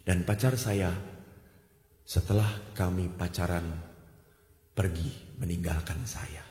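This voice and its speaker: A man voicing an anxious young woman who pleads softly and apologetically with her priest. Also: very high-pitched, a little fast, pitched above the performer's own voice. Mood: quiet confessing. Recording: echoey hall.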